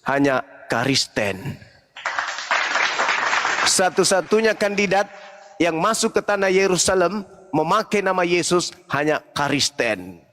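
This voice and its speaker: A man arguing in a heated interfaith debate, preachy and mocking, at times mimicking shrill cries for help. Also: lively intonation, takes it slowly, long pauses, fairly bright tone, long reverb tail, a faint crowd, a little hiss or hum.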